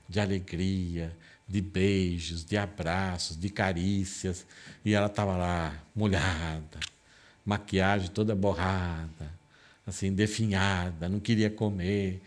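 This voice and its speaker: A low-pitched man preaching in a church. He reads scripture and then comments on it, often raising his voice dramatically to act out the characters' words. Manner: dramatic, acts out quoted lines in raised voice. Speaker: pastor. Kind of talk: expository sermon.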